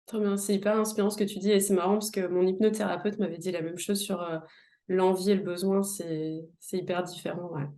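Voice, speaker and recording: Young female host, casual and hesitant, mellow warm tone. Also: fairly low pitch, fairly even intonation, fairly quick. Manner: hesitant, many fillers. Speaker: interview host. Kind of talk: casual interview chat.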